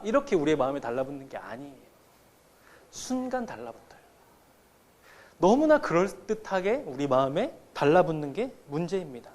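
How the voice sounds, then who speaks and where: Man, thirties, pastor, sermon, chatty storytelling, fairly high voice. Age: 30s. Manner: conversational storytelling to the congregation. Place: church sanctuary.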